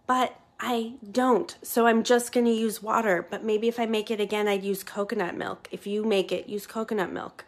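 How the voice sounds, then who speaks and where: A woman's voice: mid-range voice, steady tone, normal speed, hardly any pauses. A woman chatting enthusiastically through a casual cooking vlog in her home kitchen, filming on a phone in her hand. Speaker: home cook. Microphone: phone held in hand.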